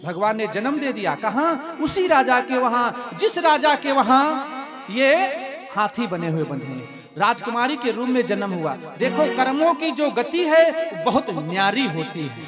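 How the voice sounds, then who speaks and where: Male storyteller-preacher, very high voice, animated, music bed behind. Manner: animated storytelling, addressing the audience. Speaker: religious storyteller. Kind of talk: devotional katha sermon.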